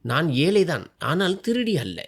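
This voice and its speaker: A man's voice: sits high, big pitch swings, measured pace, husky, heavily acted. A man reading as a tearful, pleading young village wife.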